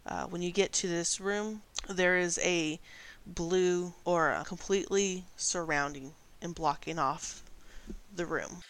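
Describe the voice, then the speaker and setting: A woman acts as game master for a tabletop role-playing session. Her voice is on the low side for a woman and clean, resonant in tone as she narrates. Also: fairly even intonation, takes it slowly, fairly bright tone.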